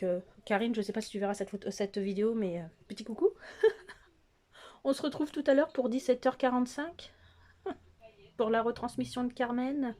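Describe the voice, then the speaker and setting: A woman's voice: fairly high pitch, warm tone. A middle-aged woman vlogger chatting casually through a makeup tutorial, hesitating often with fillers and talking straight to her viewers. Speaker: beauty vlogger. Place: at home, close to the camera.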